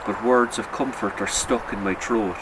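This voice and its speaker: A man reads his own short story of literary fiction aloud, as at an author's reading, in a fairly low voice with a sombre, measured delivery and a steady tone. Noticeable background noise, something like outdoor ambience, plays behind him.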